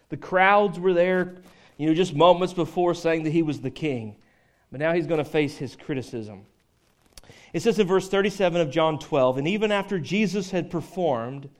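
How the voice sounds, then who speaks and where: A man preaching a sermon as pastor, talking casually and joking with his congregation, then reading scripture aloud. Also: fairly high pitch. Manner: conversational, joking with the congregation, frequent restarts.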